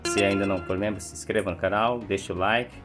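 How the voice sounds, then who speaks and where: A man teaching English vocabulary, saying each word slowly and deliberately for students to repeat. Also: lowish voice, steady tone, over music. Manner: slow, deliberate word-by-word pronunciation. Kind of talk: vocabulary drill lesson.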